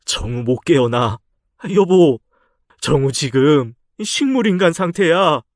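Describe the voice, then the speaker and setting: A woman voicing a grieving middle-aged husband who pleads in a low, urgent voice in a dramatized story reading. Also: lively intonation, slow pace, no echo, clean studio sound. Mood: grave.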